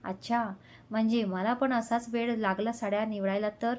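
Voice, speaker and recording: A woman reading the part of a shy, gentle young woman in a spoken love story, soft and pleading. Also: on the high side, fairly even intonation, normal speed, close to an everyday voice.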